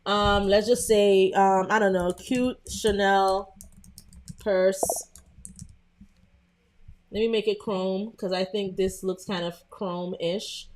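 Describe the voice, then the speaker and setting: This livestream host, a young woman from Brooklyn, New York, with the accent to match, speaks slowly in a steady, medium-pitched voice and pauses often. She chats casually with plenty of fillers while greeting viewers of her design tutorial, and there's a little hiss or hum.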